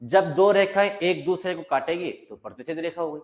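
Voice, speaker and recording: A man's voice: fairly high pitch, brisk. Man teaching maths, step by step. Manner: explains step by step, repeating key points as questions to students. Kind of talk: classroom lecture.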